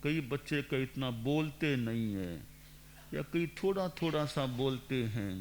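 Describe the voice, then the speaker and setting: Slow, measured older monk preaching. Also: male voice, medium pitch, animated, slight background noise. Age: 60s. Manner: measured and didactic, repeats phrases for emphasis. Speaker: monk giving a discourse. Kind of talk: sermon. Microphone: speaking into a microphone.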